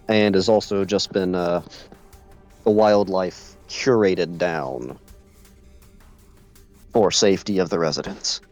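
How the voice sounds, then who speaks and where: A congested man narrating as game master, halting with many restarts and fillers, who keeps clearing his throat. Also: on the low side, darkish tone, highs cut off.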